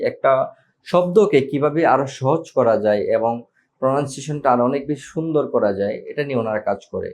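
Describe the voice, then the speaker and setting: A man teaching an English pronunciation lesson, drawing out and repeating each word slowly for practice. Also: medium pitch, darkish tone. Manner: slow, drawn-out word demonstrations with repeated drills.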